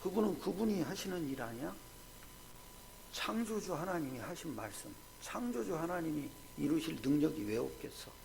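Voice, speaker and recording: A male pastor delivering a sermon, firing off rhetorical questions and swinging from hushed, low asides to loud, shouted points. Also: big pitch swings, moderate pace, creaky, a little hiss or hum. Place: church sanctuary.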